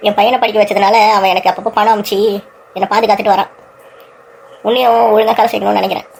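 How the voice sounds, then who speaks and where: A woman's voice: medium pitch, little pitch movement, fast talker, gravelly, a little hiss or hum, lightly acted. A woman voicing a stubborn, blunt older father who scolds his daughter in a cartoon story. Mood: scornful. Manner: blunt, scornful.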